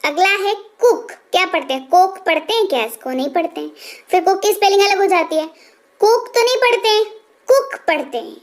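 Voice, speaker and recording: High-voiced woman teaching English words. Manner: asks the viewer frequent rhetorical questions; repeats each word slowly, then gives its meaning. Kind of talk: explanatory spoken lesson.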